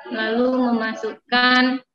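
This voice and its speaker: A woman's voice: on the high side, little pitch movement, takes it slowly, soft background music. Woman lecturer muffled through a face mask. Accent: Indonesian. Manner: conversational, frequently checking with listeners using tag phrases. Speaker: guest lecturer at an online seminar. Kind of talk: semi-formal seminar presentation. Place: room on a university campus, on a video call. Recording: dull lo-fi video call audio.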